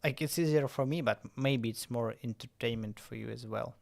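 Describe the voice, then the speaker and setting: A man streaming a drone-flying game, chatting casually in halting English. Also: mid-range voice, gravelly. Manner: halting, self-correcting non-native English.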